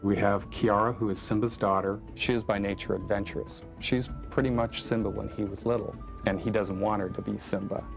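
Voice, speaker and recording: A film director speaks in a documentary interview, giving a thoughtful, reflective explanation and repeating words to stress points. His voice is on the low side and creaky, with fairly even intonation, a slightly fast pace and hardly any pauses. Music plays in the background.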